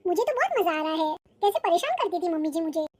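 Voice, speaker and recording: A young cartoon daughter-in-law, voiced by a woman, sweet on the surface and sly underneath. Her voice is very high and light. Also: expressive, fast, a little mellow. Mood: gleeful. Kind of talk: cartoon voice acting.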